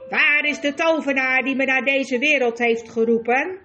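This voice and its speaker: A towering, imperious witch queen played by a woman reader who barks orders with loud scorn. Her voice sits a little high and rings with authority. Soft music plays faintly under the audiobook. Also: steady tone, moderate pace. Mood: furious. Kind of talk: audiobook character voice.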